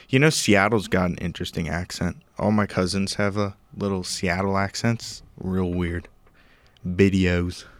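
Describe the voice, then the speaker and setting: Rambling low-voiced young male podcast host. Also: no echo. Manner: rambling, jokey, trails off into mumbles. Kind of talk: casual podcast chat.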